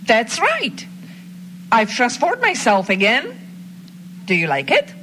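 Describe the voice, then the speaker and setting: A woman's voice: on the high side, huge pitch swings, slow, sharp tone, slight background noise, full character voice. A woman playing a lovesick, menacing female hornet in a scripted drama, taunting like a foiled villain. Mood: smug, taunting. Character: female murder hornet, reincarnated obsessive jilted lover, menacing.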